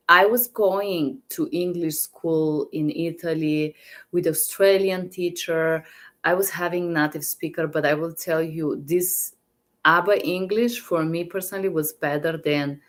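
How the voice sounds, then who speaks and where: Speaking slowly in a low voice, a Bulgarian-accented woman teaches as a medical interpreter trainer during a casual live stream. She falters, repeats words, and restarts frequently.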